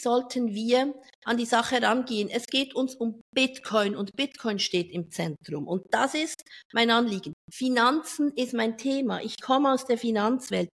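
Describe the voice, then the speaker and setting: A middle-aged woman, chatting in an interview about her work as a speaker, lively and talkative and quick to laugh. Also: on the high side, gravelly. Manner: lively and talkative, drifts off topic, laughs often. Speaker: event speaker and finance professional. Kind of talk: casual interview chat.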